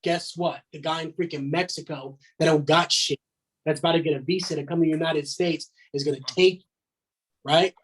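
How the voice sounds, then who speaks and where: Man in his thirties, husky voice, slightly high pitch, blunt and emphatic, swears freely. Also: steady tone, moderate pace, rough recording. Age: 30s. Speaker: guest. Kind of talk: casual podcast chat.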